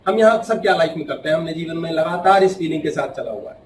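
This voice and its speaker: A male spiritual speaker addresses a live audience in an echoey hall, his voice caught from some distance off the mic. His slightly high voice swings between loud outbursts and near-whispers as he acts out little quoted characters. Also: expressive, quick pace, a little hiss or hum.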